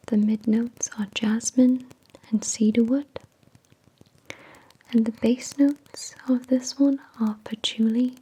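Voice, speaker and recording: Woman doing asmr review, all whispered, super breathy, takes her time. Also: a little high, poor audio. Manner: soft, unhurried, measured delivery. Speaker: ASMR video host.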